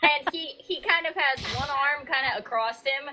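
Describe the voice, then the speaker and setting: High-voiced woman running a tabletop game. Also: noisy background. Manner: informal, halting delivery with repeated phrases. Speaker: game master. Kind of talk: casual tabletop game narration.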